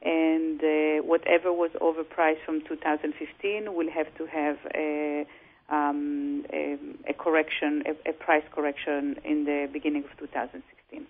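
A woman real estate broker and coach talking over the phone in an interview, measured and full of "you know" fillers. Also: sits low, flat delivery. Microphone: telephone. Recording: tinny phone line.

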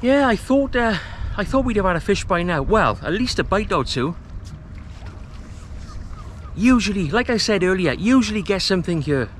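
A fairly high-voiced man in his thirties talks to a camera mic while fishing on a rocky estuary shore. His talk is relaxed, chatty and self-deprecating. A faint hiss of outdoor noise sits under his voice. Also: normal speed. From Wales. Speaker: fishing vlogger. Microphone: camera mic, close framing.

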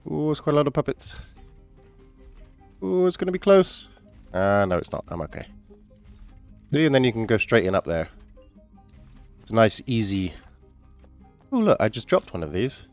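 A man's voice: mid-range voice, very animated, moderate pace, long pauses, soft background music. A man with a stuffy, nasal voice from a cold, chatting casually while commentating a survival game. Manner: chatty, rambling, mild swearing. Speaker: gaming YouTuber.

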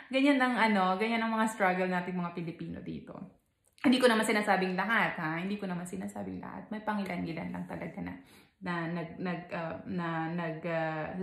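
Recorded at home in Texas in an echoey room, this vlogger has a low-side, gravelly, slightly bright voice. She's a young woman from the Philippines with a Filipino accent, offering casual, chatty advice peppered with laughter and filler words.

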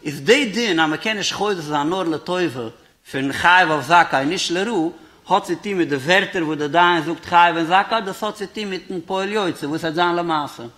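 Bright-voiced rabbi giving a Torah lecture. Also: male voice, high voice, normal speed. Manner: reasons aloud through questions and answers.

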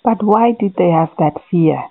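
A woman's voice: fairly low pitch, moderate pace, no echo. A woman with a Namibian accent, speaking conversationally as a radio interviewer. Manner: switches between Afrikaans and English. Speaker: interviewer, journalist. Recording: tinny, narrow phone-like line.

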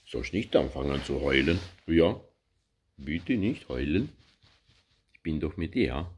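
An older man, a grandfather whose first language is Romanian, talking baby talk to his infant grandchild, cooing and sing-song and often sinking into a soft whisper. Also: a bass voice, big pitch swings, slow, husky.

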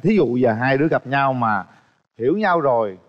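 A man hosting a matchmaking show, teasing the guests with quick probing questions. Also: mid-range voice, expressive, highs cut off.

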